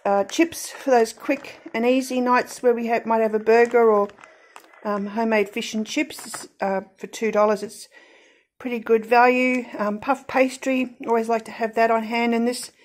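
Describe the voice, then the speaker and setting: Middle-aged woman, fairly high voice, chatty, lots of ums, casual haul voice-over. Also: little pitch movement, moderate pace. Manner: chatty, frequent ums and self-corrections. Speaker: grocery haul vlogger. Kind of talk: casual voice-over showing groceries.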